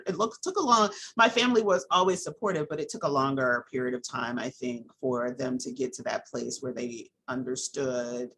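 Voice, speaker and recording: Bright-voiced woman sharing candid stories. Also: a bass voice, slight background noise, poor audio. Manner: frequent ums and restarts, laughs often while telling stories. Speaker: interview guest. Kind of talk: candid personal storytelling.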